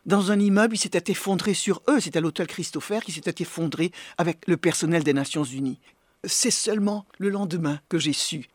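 A middle-aged woman in an interview, telling in a measured, grave way what she lived through. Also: fairly low pitch, breathy edge. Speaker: interviewee recounting an earthquake. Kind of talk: interview testimony.

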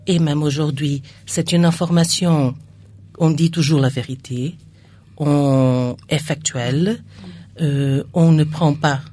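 This accented woman, a radio station staffer, answers interview questions in French, a language she didn't grow up with, occasionally groping for words. She speaks slowly in a low, mellow voice.

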